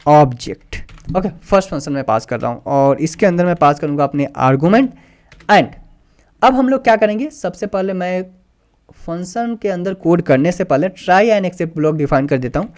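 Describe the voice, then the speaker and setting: A man with a fairly high, darkish voice teaches code in a screen-recorded tutorial. As the instructor, he goes through each step patiently, reading the code aloud while typing and sprinkling in English terms.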